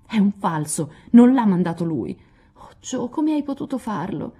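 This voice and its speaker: A woman reading an audiobook, voicing Meg, a gentle, shy young woman easily upset, in a high, tremulous voice. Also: lively intonation, moderate pace, breathy edge. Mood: distressed.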